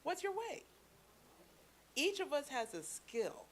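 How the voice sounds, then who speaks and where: A woman from Canada speaking to a church congregation, telling stories with playful asides in a lively sermon. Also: sits high, takes it slowly. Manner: chatty storytelling with playful asides.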